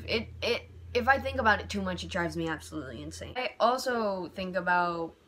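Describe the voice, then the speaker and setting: A young American woman vlogs from her home bedroom by a window, reflecting candidly on her feelings in a rambling way full of "like" and restarts, and growing heated when frustrated. Her voice is on the low side, animated, a bit bright, and at normal speed, with slight background noise.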